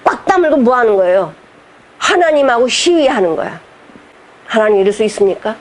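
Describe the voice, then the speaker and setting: A woman's voice: a little high, sing-song, a little fast. A woman pastor preaching a sermon, emphatic and direct, firing rhetorical questions at the congregation and slipping between formal preaching and casual speech.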